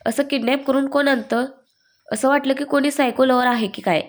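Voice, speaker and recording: A woman voicing an emotional, quick-tempered young woman who scolds fast and breaks into sobs. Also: high-pitched, steady tone, close to an everyday voice. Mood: irritated scolding. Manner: rapid, scolding then sobbing speech.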